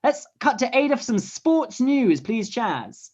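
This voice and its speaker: Halting man doing mock news. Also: very high-pitched, big pitch swings, a little mellow, muffled recording. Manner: hesitant, halting delivery. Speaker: comedy news host.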